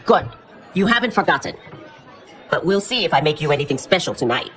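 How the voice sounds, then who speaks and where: A woman's voice: sits low, very animated, fairly quick, a faint crowd. An actress playing a stern, motherly older tavern keeper and mentor in a video game, firm and affectionately scolding. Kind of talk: video game cutscene acting.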